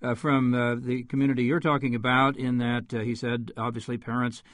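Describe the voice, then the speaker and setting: A man's voice: medium pitch, little pitch movement, a bit bright, dry recording. A man hosting a radio panel, asking questions with many fillers and stumbles. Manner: halting, stumbles over names, many fillers. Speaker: radio host.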